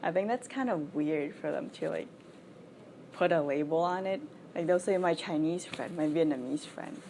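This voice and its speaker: A young woman from Thailand talks candidly in an interview, her voice a touch low and mellow. She sounds frank and chatty, dropping "like" often as she explains herself. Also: moderate pace, a little hiss or hum. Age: 20s. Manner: frank and chatty, with frequent "like" fillers. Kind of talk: candid casual interview answers.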